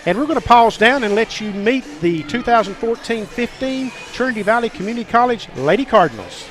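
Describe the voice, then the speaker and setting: High-voiced basketball announcer. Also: male voice, lively intonation, brisk, music in the background. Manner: formal, stat-heavy broadcaster delivery. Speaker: play-by-play announcer. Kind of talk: college basketball webcast commentary.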